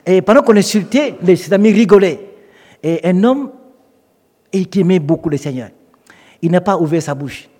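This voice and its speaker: A man's voice: sits high, moderate pace, pauses often, in a large hall. A man preaching a sermon in French, telling stories and acting out the voices of the people in them. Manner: animated storytelling, acts out quoted voices.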